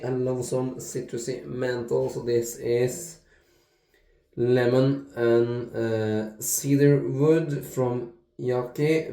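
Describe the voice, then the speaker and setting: Slow, easygoing man in an echoey room. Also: mid-range voice. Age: 30s. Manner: relaxed, slow, with many fillers and restarts. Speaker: shaving video host. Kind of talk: casual talk-through vlog.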